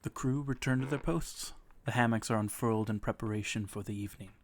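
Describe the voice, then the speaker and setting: A streamer narrates and reacts to a story game in casual let's-play chat, exclaiming at the choices. The voice is medium-pitched and quick.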